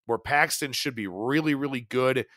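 A man hosting a sports betting podcast, running through baseball stats and picks at a quick clip in a solo analysis style. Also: mid-range voice, no echo, studio quality. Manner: rapid stat-heavy delivery, animated.

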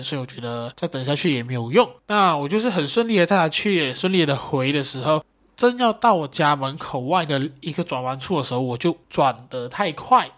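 A young man, hosting a casual solo podcast and telling an animated, self-mocking story with some swearing. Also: on the high side. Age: young adult. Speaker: podcast host.

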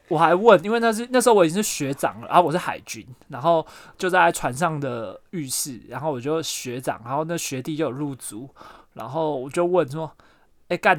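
Brief: blunt male podcast co-host, lively intonation, quick pace. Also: on the high side, no room sound. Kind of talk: casual podcast chat.

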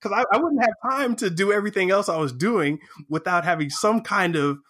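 A man telling a story in a casual interview, animated and excited, acting out the voices of people in it. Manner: animated, acts out quoted dialogue with jumps in pitch; excited, fast bursts of speech. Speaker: guest.

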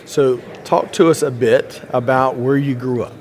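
A man's voice: mid-range voice, fairly even intonation, measured pace. A man hosting a podcast interview at a conference expo, upbeat and chatty with frequent fillers. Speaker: podcast host.

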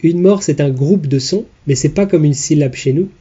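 A man's voice: on the high side, normal speed, warm tone, husky, dull audio. A man hosting a podcast, explaining things in casual chat and teasing his co-host.

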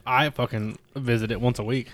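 A man co-hosting a podcast, chatting casually with loud, profane jokes. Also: mid-range voice, steady tone, fairly quick. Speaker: podcast co-host. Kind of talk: casual crude podcast banter.

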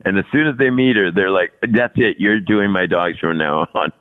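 A low-pitched man talks at normal speed, his audio thin and tinny like a phone line. He's in his 60s and appears as a podcast guest in a casual interview conversation, talking at length, often repeating words and laughing between his thoughts.

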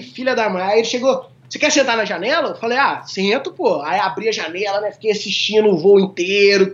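This is casual storytelling from a man hailing from a small town in Minas Gerais, Brazil, who joins as a guest and shares funny tales with plenty of laughter. His voice is high-pitched and a touch bright, and the sound is dull and lo-fi.

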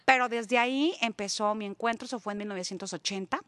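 A woman with a Mexican accent, a guest on a podcast, telling her faith testimony as an animated storyteller who repeats words for emphasis. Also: on the high side, quick pace, dry recording. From Mexico (La Paz, Baja California Sur). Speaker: guest, full-time evangelist. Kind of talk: personal testimony in podcast conversation.

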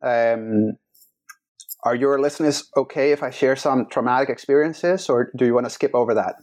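A man in his forties from the Netherlands, a podcast guest telling his own life story in an earnest, measured way with many pauses and restarts. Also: medium pitch, a little mellow. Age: 40s. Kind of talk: reflective personal storytelling.

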